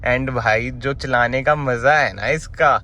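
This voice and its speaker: A young man doing a casual car vlog, chatty and excitable, filming himself on a phone while driving and standing outside in a parking lot. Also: medium pitch, slow. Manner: chatty, excitable, teasing, says "bhai" a lot. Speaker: car vlogger. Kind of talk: casual vlog talk, Hindi-English mix. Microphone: phone camera.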